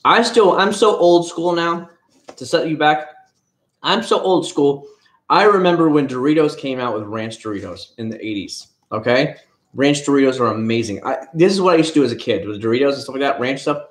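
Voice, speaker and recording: A man's voice: mid-range voice, a little fast. A man from Florida chatting casually on a livestream, rambling and retelling his conversations. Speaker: livestream host. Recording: echoey room.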